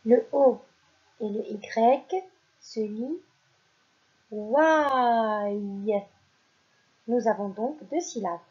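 A woman teacher giving a recorded reading lesson to young children, slowly sounding out syllables and letters. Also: a little high, expressive. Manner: slow, deliberate, sounding out syllables. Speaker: primary school teacher. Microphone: voice-over for slides. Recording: dull lo-fi recording.

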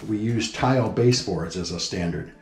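Touring a house, a man who builds homes describes it plainly and informatively in a darkish, lowish voice at a moderate pace. The sound is roomy with indoor echo, and music plays in the background.

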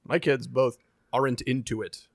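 A man's voice: mid-range voice, moderate pace, creaky, no room sound, studio quality. A man co-hosting a game podcast, talking in loose, swearing banter. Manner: animated, swearing, rambling banter. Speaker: podcast co-host. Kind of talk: casual chat.

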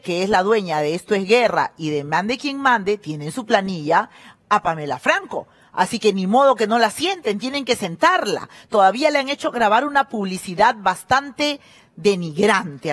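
Animated, scornful woman host. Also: medium pitch. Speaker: TV show host. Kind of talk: gossip show commentary.

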